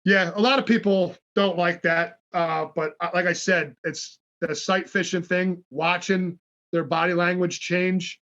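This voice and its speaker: A man guest on a podcast, telling stories in a casual, animated way, swearing freely and acting out what people said. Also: high voice, a little slow, muffled recording. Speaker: podcast guest, fishing brand founder. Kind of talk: casual storytelling.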